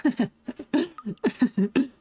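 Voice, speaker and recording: A woman streamer chatting casually with her viewers during a live game stream, swearing freely and thinking out loud. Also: high-pitched, lively intonation, very slow, husky, rough recording.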